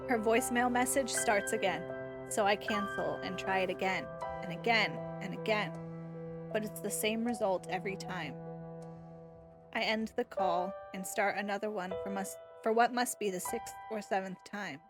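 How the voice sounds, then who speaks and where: A woman reads a visual novel aloud on a live stream, her voice at a middle pitch. She narrates expressively and breaks off for playful jokes with her co-host. Game music plays clearly underneath. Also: moderate pace.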